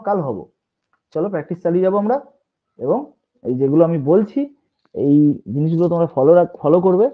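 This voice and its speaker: Man teaching on a tinny call. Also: on the high side. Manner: patient, repeats and checks with frequent asides. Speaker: English teacher. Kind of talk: online class lesson. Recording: tinny phone-like online class audio.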